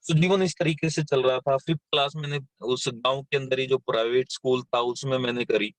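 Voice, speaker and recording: A man's voice: mid-range voice, steady tone, brisk, dry recording. A man in his thirties from western Uttar Pradesh, telling his life story as an invited speaker in a motivational session, with plain storytelling and many fillers. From western Uttar Pradesh, India. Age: 30s. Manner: plain storytelling, frequent fillers and repeated words. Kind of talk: motivational talk on a live session.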